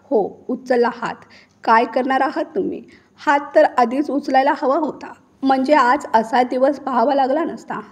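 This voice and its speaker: Woman doing a defiant middle-aged mother-in-law, slow emphatic delivery, fairly high voice, storybook reading.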